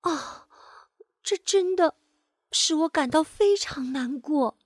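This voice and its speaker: A polite little tortoise with a bright, slightly raised voice who keeps calmly insisting he will get there, as a woman puts him on in a storybook. The delivery is unhurried and close to the mic, in a dry recording. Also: high-pitched, no echo, pitched above the performer's own voice. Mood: earnest. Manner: polite and quietly determined. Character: small, polite, stubborn male tortoise.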